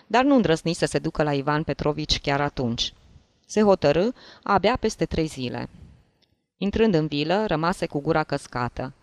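A narrator reading a classic story aloud in a measured, even manner. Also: mid-range voice, no room sound.

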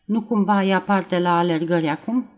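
A woman doing a calm, heavyset male officer. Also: lowish voice, highs cut off, lightly acted. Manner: level, flat, unhurried questioning.

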